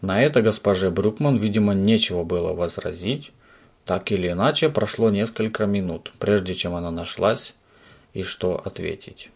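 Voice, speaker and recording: Gravelly man reading a children's story. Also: sits low, moderate pace. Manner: lively storytelling. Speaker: narrator.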